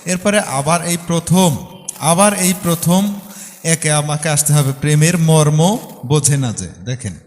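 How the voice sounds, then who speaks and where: A man with a Bangladeshi Bengali accent teaching a music lesson, patiently explaining the rhythm, counting beats aloud and singing short phrases slowly. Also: fairly high pitch, a little mellow, long reverb tail.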